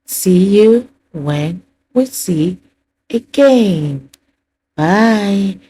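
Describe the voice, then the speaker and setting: Slow, mellow-voiced woman vlogger. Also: medium pitch, animated, slight background noise. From resident of Qatar. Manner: slow, warm-hearted, with drawn-out phrases and soft laughs. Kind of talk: casual vlog narration. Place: out and about in rainy weather.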